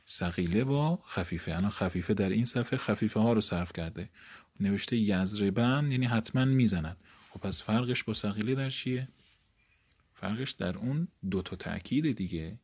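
A man's voice: fairly low pitch, darkish tone, breathy edge. A man explaining a grammar lesson, repeating words for emphasis and addressing his listeners politely. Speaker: teacher.

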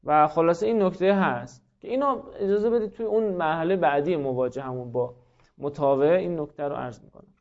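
A man teaching a class, explaining step by step, often repeating himself and putting questions to his students. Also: a little high. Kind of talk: classroom lecture. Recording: dull lo-fi recording.

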